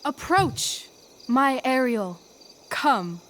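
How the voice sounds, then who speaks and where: A woman playing a poised, persuasive teenage girl who acts on stage in a video game, with a measured theatrical manner. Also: high voice, animated, a bit bright, a little hiss or hum, heavily acted. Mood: grand, commanding. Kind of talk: video game acting, Shakespearean stage delivery.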